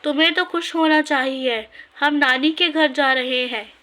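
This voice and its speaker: A woman's voice: high-pitched, fairly even intonation, measured pace, pushed and bright. A woman voicing an eager five-year-old boy in a read-aloud story.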